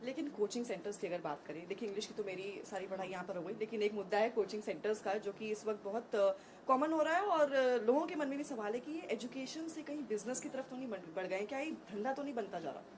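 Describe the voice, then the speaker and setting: A woman's voice: mid-range voice, fast talker, hardly any pauses, noisy background. A woman interviewing a guest on a conference stage, asking polite, prompting questions.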